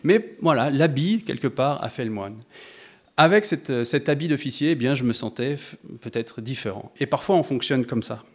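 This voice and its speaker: A man gives an animated sermon in a mid-range voice, talking directly to the congregation. The delivery is thoughtful and conversational, full of pauses and fresh starts.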